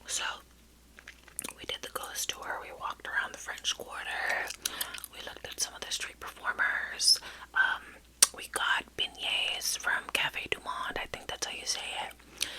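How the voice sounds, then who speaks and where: A middle-aged woman whispering a rambling, hesitant ASMR story close to the mic while chewing gum. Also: rough recording. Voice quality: soft unvoiced whisper. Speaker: ASMR vlogger.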